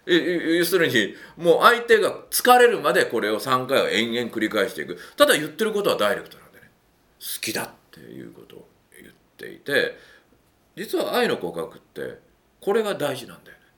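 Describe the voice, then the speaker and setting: A man gives dating advice in a casual monologue, speaking a little fast and acting out little quotes. He is animated and swoops widely in pitch. A self-affirming "un" comes between his points.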